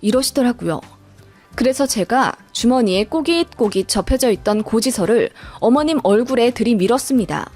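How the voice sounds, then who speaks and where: Story narrator, woman, scripted first-person tale, lively swooping delivery, faint music underneath. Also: on the high side, moderate pace. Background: soft background music.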